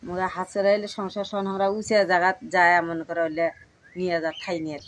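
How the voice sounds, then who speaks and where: A woman with a rural northern Bangladeshi accent, giving halting, repetitive, unscripted testimony as a villager. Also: lowish voice, fairly even intonation. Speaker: villager interviewed about floods. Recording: birdsong and clear outdoor background noise.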